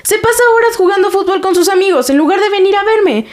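A woman's voice: very high voice, animated, fast. An actress playing a sulky teenage daughter upset about her boyfriend, with a Mexican Spanish accent. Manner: sulky, reluctant.

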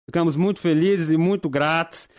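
A man's voice: a little high, moderate pace, darkish tone. A young man hosting a casual interview, polite and informal, addressing his guest respectfully. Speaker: student interviewer, host.

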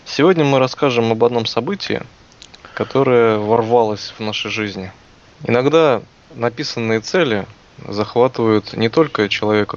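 A young man co-hosting a podcast in a casual, conversational style. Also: lowish voice. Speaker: podcast co-host. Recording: dull, lo-fi sound.

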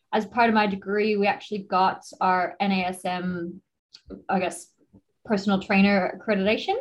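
A woman's voice: medium pitch, low-quality recording. A woman in her thirties from the United States with an American accent, chatting as an interview guest with many fillers and frequent laughter. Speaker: guest, exercise physiologist. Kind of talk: casual interview chat.

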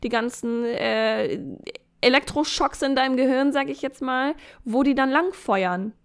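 A woman in a casual podcast chat, giving coaching advice in an animated way, acting out inner voices and adding jokey asides. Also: high voice, unhurried, clear, resonant tone. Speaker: podcast guest.

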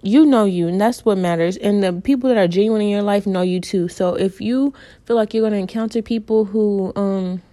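A woman's voice: medium pitch, brisk, dark tone, no room sound. A young woman hosting a casual self-help podcast, chatty and emphatic, repeating phrases for emphasis. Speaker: podcast host.

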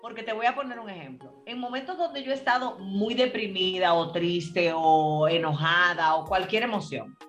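A woman's voice: mid-range voice, expressive, moderate pace, dull audio, faint music behind. Female panel host, reflective and earnest, roomy echoey sound. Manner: earnest, reflective, addresses the group as señores. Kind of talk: casual panel chat.

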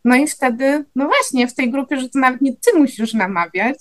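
Woman host with a high voice, thinking out loud, recapping what the guest just said. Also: lively intonation, fairly quick, no echo. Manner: reflective, sums up and praises the guest's points. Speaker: podcast host. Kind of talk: conversational interview.

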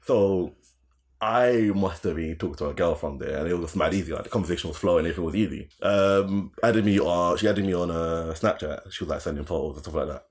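A young man with an urban London roadman accent tells a casual story, his speech slangy and animated, repeating phrases for emphasis. His voice is low-pitched and his pace brisk.

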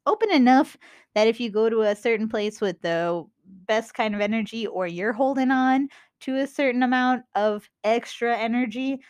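A woman's voice: on the high side, moderate pace, darkish tone, clean tone. A young woman with a Minnesotan accent giving a casual, rambling spiritual talk as a podcast host, full of fillers and self-corrections.

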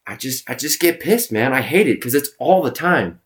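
A man's voice: medium pitch, lively intonation, moderate pace. A young man in casual chat, telling rambling, profane stories.

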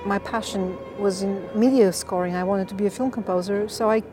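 A Bulgarian woman who composes music for games tells her story with passion in a casual interview. Her medium-pitched voice moves briskly over background music, and she's a lively storyteller who uses plenty of fillers.

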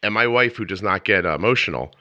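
Deep-voiced, rambling man, bright tone. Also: expressive, brisk, no room sound, highs cut off. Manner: rambling, self-interrupting storyteller. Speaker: podcast host. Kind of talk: casual interview chat.

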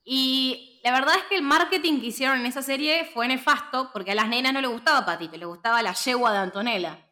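She talks fast and her voice sits high: a Rioplatense-accented woman in her twenties co-hosting a film podcast. Her storytelling is animated and punctuated by laughter, and the casual chat is full of slang.

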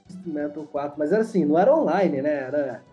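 Chill young brazilian portuguese dude, mellow voice, slangy chat, muffled lo-fi audio. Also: male voice, on the high side, lively intonation, fast. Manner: slangy, full of tag questions. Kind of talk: casual chat. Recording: dull lo-fi, music behind.

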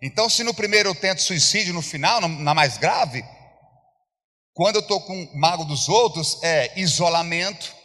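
A man's voice: a little high, expressive, normal speed, bright, forceful tone. A man preaching a sermon as pastor, emphatic and repetitive, acting out quoted voices. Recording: long church hall reverb.

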